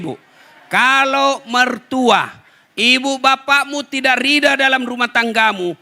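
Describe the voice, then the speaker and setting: A man's voice: sits high, pushed and bright. A man with a Bugis accent giving a humorous sermon, teasing and addressing the audience directly. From Bugis, South Sulawesi, Indonesia. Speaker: preacher.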